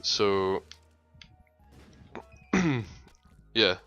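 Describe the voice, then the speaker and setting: A man's voice: deep voice, level tone, drawn-out words, bright, forceful tone, clear, resonant tone, highs cut off, soft background music. A Scottish man chatting casually over a game, teasing his friend in a dry, sweary way. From Scotland. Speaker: gaming channel co-host. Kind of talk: casual gaming chat.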